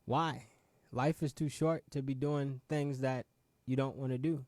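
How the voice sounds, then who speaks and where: With a steady, darkish mid-range voice and a slightly slow pace, a late-twenties host originally from Ghana delivers a motivational talk on his own show. He presses his audience with repeated rhetorical questions and keeps tossing in "right?" There's no room sound on the recording.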